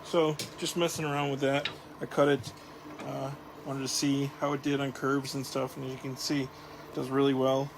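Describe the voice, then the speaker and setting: A man's voice: medium pitch, little pitch movement, moderate pace, vocal fry. A man casually demonstrating a saw, talking hesitantly with many ums and uhs. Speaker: woodworking channel host. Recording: loud background noise.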